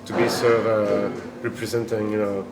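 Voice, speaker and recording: A man's voice: fairly low pitch, little pitch movement, moderate pace, gravelly. A man from Chile, a band member being interviewed, talking casually and rambling with many restarts and fillers. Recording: echoey room with noisy ambience.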